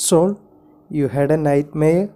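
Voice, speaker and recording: A man voicing a nervous but earnest father, an inventor, read calmly for a story. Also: fairly high pitch, drawn-out words. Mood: gentle.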